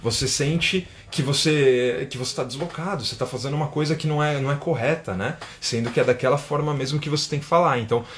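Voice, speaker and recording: A man's voice: medium pitch, slight background noise. Brazilian guy doing an english class live, casual and chatty, keeps saying né, reads out comments. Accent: Brazilian Portuguese. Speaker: English teacher. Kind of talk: live-stream English lesson. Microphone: phone or webcam for an Instagram live.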